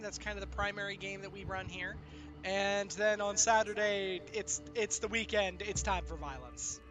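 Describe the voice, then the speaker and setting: A man hosting a livestream, chatting casually and animatedly with his viewers. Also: high voice. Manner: animated, exclaiming when greeting viewers. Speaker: streamer host.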